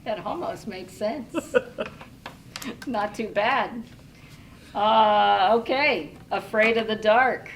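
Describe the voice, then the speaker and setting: A woman science teacher reading a Mad Lib aloud in a soft, unhurried, dry way. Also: medium pitch. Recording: distant mic with faint background noise.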